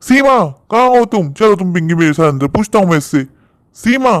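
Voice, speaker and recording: Gentle cartoon father, voiced dry. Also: mid-range voice, racing, no echo, natural voice. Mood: angry. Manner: gentle with daughter, stern with wife. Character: caring father, adult man. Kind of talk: cartoon story voice acting.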